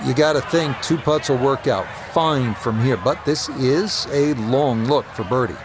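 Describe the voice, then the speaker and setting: A man acting as a golf commentator, calling play in a measured, polished broadcast delivery. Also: mid-range voice, background noise, lightly acted. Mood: measured, encouraging. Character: male TV golf play-by-play announcer.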